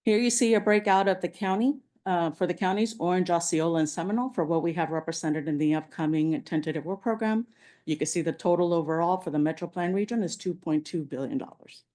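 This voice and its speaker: A woman's voice: on the low side, fast, warm tone. A woman presenting slides at a public planning meeting, walking through figures with frequent fillers like "um". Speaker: transportation agency presenter.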